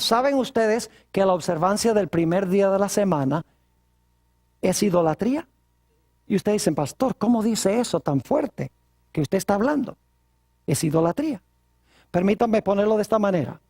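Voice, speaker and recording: A man preaching a sermon as pastor, asking his congregation rhetorical questions. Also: sits high.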